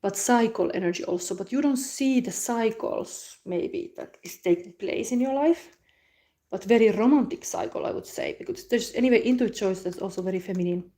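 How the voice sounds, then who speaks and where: A woman reads tarot cards live, her voice mellow and warm at a middling pitch. She talks in a soft, musing way, pausing on hums and restarting her phrases as she turns each card. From Finland. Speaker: tarot reader.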